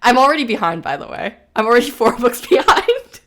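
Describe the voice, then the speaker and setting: A woman's voice: on the high side, sing-song, a little fast, a bit bright. A woman hosting a podcast in casual chat, rambling and self-deprecating with frequent laughs. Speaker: podcast host.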